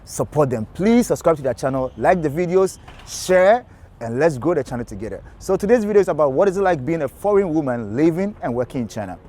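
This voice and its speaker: Fast-talking male interview host. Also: a little high, animated, warm tone. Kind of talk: interviewer's intro and questions.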